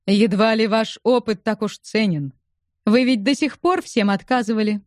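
A woman voicing a drily ironic, unflappable gentleman who speaks deadpan. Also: a little high, normal speed, no echo, clean studio sound, natural voice.

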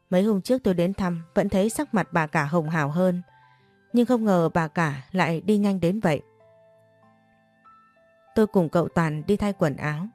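A woman hosting her own channel, reading a romance novel aloud in calm, steady narration. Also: on the low side. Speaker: storyteller and channel host.

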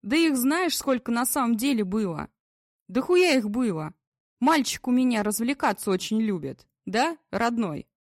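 A woman's voice: fairly high pitch, big pitch swings, normal speed, dry recording, studio quality. A woman voicing a drunk, crude police general. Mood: drunk angry. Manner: slurred, coarse, swearing. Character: drunk, crude, bullying middle-aged male police general.

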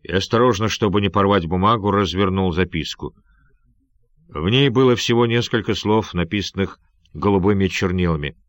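A man reading an adventure novel aloud in measured, expressive narration. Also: low-pitched, no room sound. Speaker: audiobook reader. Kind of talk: scripted narration.

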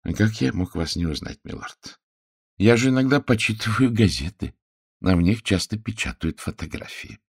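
A man's voice: lowish voice, animated, normal speed, creaky, husky, no room sound, clean studio sound, exaggerated voice. A man voicing a fussy, precise middle-aged Belgian detective in an audiobook, pompous and pedantic. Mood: measured.

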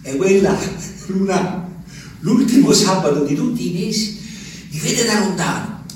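High-pitched and expressive, the actor speaks a little slowly as a lonely old peasant musing to the moon. This wistful, rambling theatrical monologue was recorded on stage from a distance, with reverb and faint noise.

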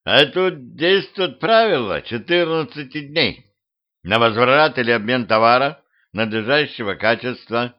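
A man's voice: medium pitch, animated, a little slow, voice pushed up, lightly acted. A man voicing a panicky, cheeky middle-aged man who whines and blusters, in a humorous audiobook. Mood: whining. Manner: whining, blustering. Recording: muffled lo-fi home recording.

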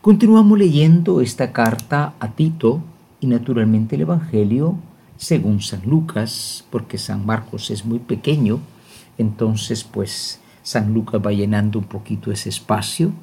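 An older man, a bishop, opening a prayerful scripture reflection in a devout, measured preaching manner. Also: mid-range voice, animated, vocal fry, dark tone, slight background noise.

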